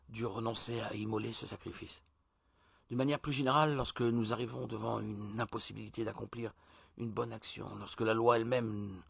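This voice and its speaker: A man giving a measured, deliberate religious teaching, like a sermon. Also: lowish voice, creaky, husky, no echo. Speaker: preacher.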